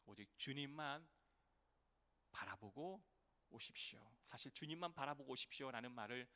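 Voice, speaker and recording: A man preaching a sermon as pastor, telling a story earnestly, swelling to emphatic peaks and dropping to hushed lines. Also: medium pitch, lively intonation, moderate pace. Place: church sanctuary. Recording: long church reverb.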